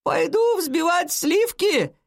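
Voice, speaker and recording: A storybook narrator voicing a grandmother who calls loudly up the stairs, fussing. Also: very high voice, expressive, slow pace, pitched above the performer's own voice, heavily acted. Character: grandmother calling from downstairs.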